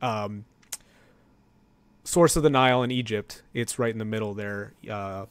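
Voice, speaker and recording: A man's voice: on the low side, a little slow, clear, resonant tone, dry recording. Stammering man host, dry sound. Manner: stammering, frequent backchannel. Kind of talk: casual interview.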